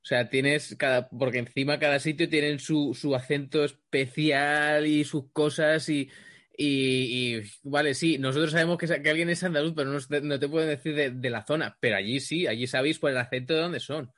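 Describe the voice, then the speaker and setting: A man's voice: fairly high pitch, fairly even intonation, moderate pace, a bit bright. A man from Cantabria, co-hosting a casual chat, amused and restarting his sentences often. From Cantabria, Spain.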